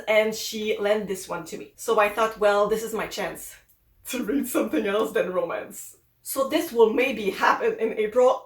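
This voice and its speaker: A young Québécoise book vlogger with a French-Canadian accent chats in a relaxed, upbeat way about the books she means to read. Her voice sits a little high, and the recording has noticeable reverb.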